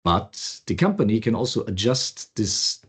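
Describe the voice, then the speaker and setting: A man co-hosting a podcast, casually walking through a software demo with loose, restarting phrasing. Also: on the low side, a little slow, breathy edge. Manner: relaxed, loose, restarts often. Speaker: co-host.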